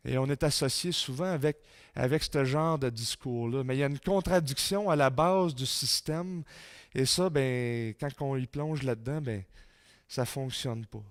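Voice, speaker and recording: A man with a Québécois French accent giving a sermon-style talk in a church, reading quotes with rising force and dropping low for emphasis. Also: normal speed, no echo, studio quality. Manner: reads quotes aloud with rising intensity, drops low for emphasis. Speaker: conference speaker.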